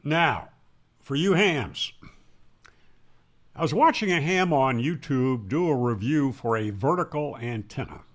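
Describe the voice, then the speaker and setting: A ham radio instructor explains his subject in a medium-pitched, expressive voice, taking his time and pausing often. He teaches emphatically, raising questions and then answering them himself.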